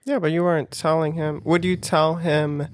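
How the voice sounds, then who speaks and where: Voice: medium pitch, level tone, moderate pace, no echo, clean studio sound. A podcast co-host speaking frankly in casual discussion, pressing with direct questions.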